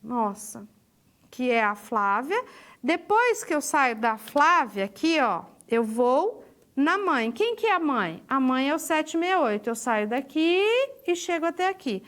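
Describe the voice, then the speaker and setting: A woman's voice: high voice, big pitch swings, measured pace, a bit bright. A woman teacher explaining pointers in a recorded lecture, asking and answering her own questions and saying "ó" as she points. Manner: peppers speech with "ó" while pointing at a drawing. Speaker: programming teacher.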